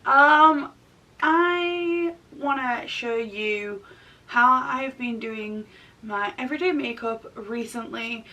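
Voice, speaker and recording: In her makeup tutorial video, a woman in her thirties who does makeup professionally and vlogs chats informally while recovering from an infection of the throat and chest. Her voice sounds gravelly and sharp, and the far-off microphone captures rumbling noise behind her.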